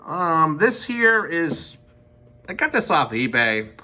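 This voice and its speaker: Recorded in his house with faint background noise, a man who works in emergency medicine and enjoys radio as a hobby shows off his gear casually. He rambles and hesitates while thinking aloud, speaking slowly in a fairly high, sharp voice with big pitch swings.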